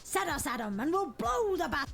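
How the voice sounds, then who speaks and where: A woman playing a boisterous, swaggering female pirate captain in a video game, talking like a gruff old sea dog. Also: sits high, sing-song, normal speed, over music, full character voice. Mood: boastful, rousing. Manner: gruff old-sailor pirate talk with hearty cries. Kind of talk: video game character acting.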